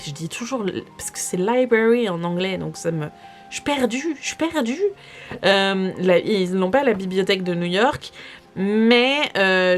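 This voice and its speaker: A young French woman chatting casually in a vlog, rambling and often correcting herself, with soft music behind. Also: medium pitch. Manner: rambling, self-correcting, lots of fillers. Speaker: vlogger. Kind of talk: casual chat. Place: home in New York.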